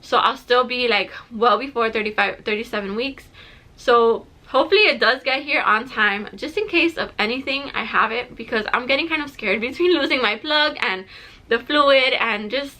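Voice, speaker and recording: A young woman vlogging casually from her bedroom, chatty and excited, out of breath. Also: fairly high pitch, normal speed. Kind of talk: casual vlog chat to camera. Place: bedroom at home.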